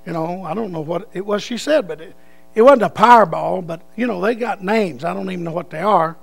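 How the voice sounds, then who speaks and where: Gravelly high-pitched older preacher man. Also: fairly quick. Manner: folksy, swings between loud and hushed. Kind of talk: sermon with storytelling and prayer.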